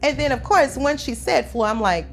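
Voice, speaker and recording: A woman's voice: sits high, normal speed, slight background noise. Chatty woman getting over the flu. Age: 50s. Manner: chatty, animated, addresses viewers as y'all. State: recovering from flu, sore throat. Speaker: vlogger. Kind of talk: casual storytelling to camera. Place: home room by a window, construction outside.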